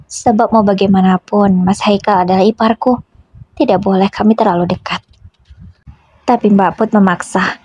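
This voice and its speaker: A woman telling a first-person story as scripted narration, in a steady, even reading voice. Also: medium pitch, normal speed, pauses often, breathy edge.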